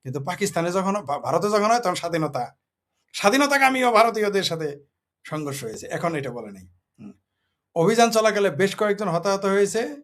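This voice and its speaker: A man's voice: sits high, lively intonation, a little fast, a bit bright. A man from Bangladesh delivering a heated political monologue, combative and scornful, full of rhetorical questions. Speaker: political commentator.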